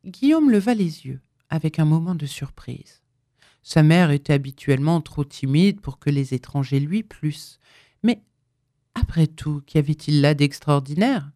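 Woman narrating an old novel, warm mellow voice, dry close sound. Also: low-pitched, expressive, normal speed, no room sound. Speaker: audiobook reader. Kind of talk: scripted narration.

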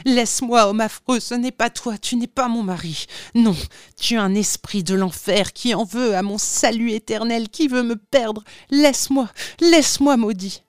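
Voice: mid-range voice, moderate pace, clear, resonant tone, no echo, studio quality, pitched above the performer's own voice, natural voice. A reader voicing a terrified young wife who cries out frantically and shrilly at her husband in an audiobook reading. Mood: horrified.

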